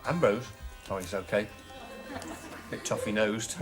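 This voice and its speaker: A man's voice: lowish voice, measured pace, natural voice. An actor playing a mild, cautious, homely man, earnest and hesitant in natural TV comedy-drama dialogue. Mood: mildly defensive. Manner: hesitant, earnest, mildly fussy. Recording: music behind the dialogue.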